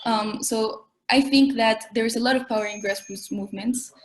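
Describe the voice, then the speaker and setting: A woman's voice: fairly high pitch, fairly even intonation, moderate pace. A woman, explaining her views as an activist guest in a panel discussion.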